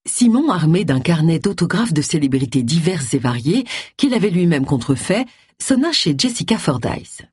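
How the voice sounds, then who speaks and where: A woman narrating an audiobook in a steady, measured way, with a husky voice. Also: deep voice, dry recording, studio quality.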